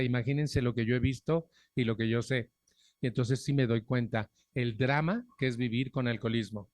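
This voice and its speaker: Standing at a microphone in a recovery group meeting, a middle-aged Mexican Spanish-accented man shares his story openly, swearing earthily and challenging listeners with pointed questions. His pitch sits in the middle range, and there's no room sound at all.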